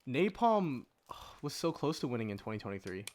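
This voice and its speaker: A podcast co-host chats casually, giving his opinions with emphasis. His medium-pitched voice swings widely in pitch, and he speaks at a moderate pace.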